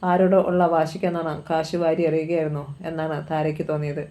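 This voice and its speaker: A woman's voice: sits low, little pitch movement, quick pace, warm tone. A woman reading a novel aloud, telling the story steadily and lightly voicing the dialogue. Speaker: novel reader.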